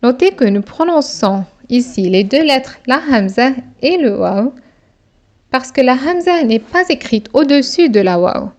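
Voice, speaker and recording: A woman teaching a reading lesson, sounding out each syllable slowly and deliberately before explaining the rule. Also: high-pitched, expressive, a little mellow.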